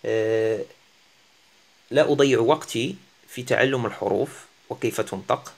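A man who is not a native Arabic speaker teaching a French lesson, often pausing and searching for words. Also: mid-range voice, gravelly. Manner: halting, searching for words, self-deprecating. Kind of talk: casual language lesson.

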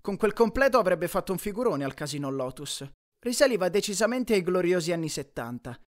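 Lively male audiobook narrator. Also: high voice, a little fast. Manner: lively, expressive storytelling. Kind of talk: scripted first-person audiobook narration.

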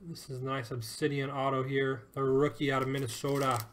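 A man's voice: medium pitch, completely flat delivery, a little fast, fairly bright tone, slight background noise. A man hosting a live sports card break, upbeat and joking as he calls out each card and who it goes to.

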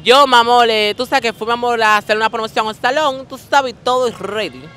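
A woman's voice: fairly high pitch, fast talker, a bit bright, soft background music. A woman with a Dominican accent, talking flamboyantly in a casual street interview and calling everyone "mi amor".

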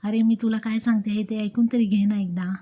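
A woman's voice: medium pitch, steady tone, brisk, mellow, natural voice. A woman reading as a pleading young wife.

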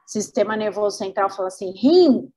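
A woman's voice: mid-range voice, expressive, unhurried, a little mellow, husky. A woman with a Brazilian Portuguese accent giving a webinar lecture, teaching through rhetorical questions and acting out organs.

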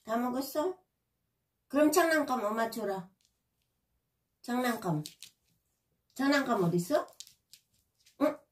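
A woman's voice: fairly high pitch, lively intonation, slow pace, pauses often. A woman talking to her pet, scolding it and repeating short, simple commands. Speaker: pet owner vlogger. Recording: roomy, from a distance.

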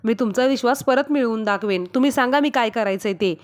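A woman's voice: on the high side, quick pace, close to an everyday voice. A woman reading the lines of a remorseful young man begging his father for a chance. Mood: pleading. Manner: pleading reading. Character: remorseful pleading young son.

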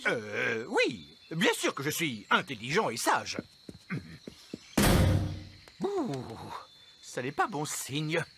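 Slow, pompous cartoon king. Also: on the high side, wildly swooping pitch, loud music behind the voice, full character voice. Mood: bluffing. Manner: pompous, hesitant when put on the spot. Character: pompous middle-aged male fairy king, lazy and bluffing. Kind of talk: cartoon voice acting, French dub.

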